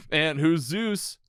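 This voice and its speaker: A man hosts a casual podcast recapping a movie, retelling scenes and acting out bits of dialogue along the way. His voice is on the high side, captured in a clean, dry studio recording.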